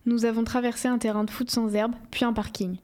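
A woman reading a first-person novel aloud in a steady, measured storytelling voice. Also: on the high side. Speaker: audiobook reader.

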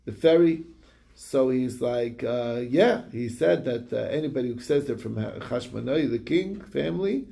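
Gravelly man retelling a Talmud story. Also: mid-range voice, animated, normal speed, warm tone. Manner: retells the story in quoted dialogue, with many fillers and restarts. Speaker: Talmud study reviewer.

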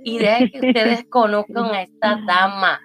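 A woman's voice: medium pitch, normal speed, crowd noise. A woman with a Puerto Rican accent hosting a podcast, chatting enthusiastically as she introduces and interviews a friend. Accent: Puerto Rican Spanish. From Puerto Rico. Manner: enthusiastic, warm-hearted praising. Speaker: podcast host. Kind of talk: casual interview chat.

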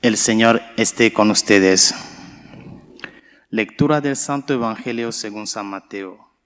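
A man who is a priest, reading the gospel and preaching a homily in a slow, measured, solemn way, heard with a cathedral echo. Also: fairly low pitch, fairly bright tone, clean tone. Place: large church. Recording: long church reverb.

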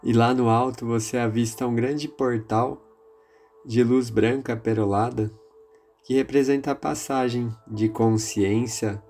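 A man with a Brazilian accent leading a guided meditation in a calm, soothing, measured manner. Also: medium pitch. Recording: music behind the voice. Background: music.

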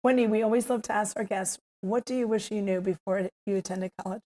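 A woman hosting a conversational interview, her voice hoarse and worn nearly out. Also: mid-range voice, fairly even intonation, a little fast, dark tone. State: hoarse, voice nearly lost from travel. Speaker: podcast host.

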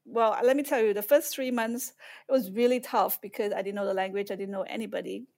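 A woman from Malaysia, a guest on a podcast, tells her story in a lively, candid way over an online call from home. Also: medium pitch, brisk, creaky. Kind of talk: conversational interview storytelling. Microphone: video call.

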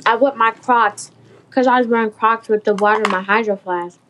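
A woman's voice: on the high side, fairly even intonation, moderate pace, background noise. Rambling teen girl storyteller. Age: teens. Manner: rambling storyteller, easily sidetracked. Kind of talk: casual chat among friends.

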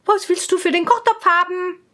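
A woman's voice: extremely high pitch, fairly even intonation, moderate pace, a bit bright, pitched above the performer's own voice. A woman voicing a prim, flustered young court lady, shocked and fussy. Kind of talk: storybook reading.

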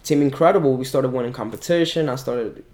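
Male athlete interviewee, hyped bro-talk, cocky and self-assured, medium pitch, casual. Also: quick pace, a little mellow. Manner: hyped frat-bro slang, constant "bro" and "yo". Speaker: calisthenics athlete being interviewed.

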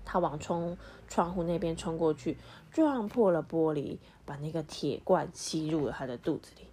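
A woman's voice: sits low, moderate pace, slight background noise. A mother reading a picture book to her child at home, acting out sound effects and stopping to quiz the child. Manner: animated, acts out sound effects and quizzes the child. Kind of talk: picture-book read-aloud.

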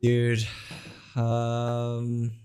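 A young man co-hosting a casual sports podcast, tipsy and excitable, often repeating himself. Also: mid-range voice, very slow, clean tone. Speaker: podcast co-host.

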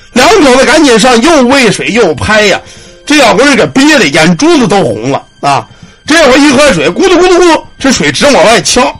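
A man telling a ghost story, animated, with shouted cries and sound words. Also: sits high.

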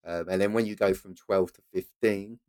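A man's voice: deep voice, fairly even intonation, moderate pace, darkish tone, dry recording, studio quality. A man with an Essex accent giving explanatory interview answers as a football scout and coach, emphatically repeating his key points.

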